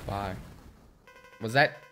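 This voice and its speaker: A man's voice: drawn-out words, a bit bright, slight background noise. A man giving casual, self-deprecating commentary while he plays a video game, muttering at the game as he goes. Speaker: let's play gamer.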